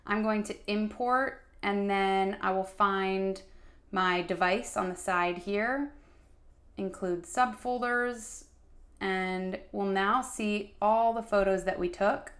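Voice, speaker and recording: A woman's voice: medium pitch, fairly even intonation, slow pace, a bit bright. Chatty woman teaching stop-motion. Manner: chatty, talks while working, muttering asides. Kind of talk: casual tutorial talk.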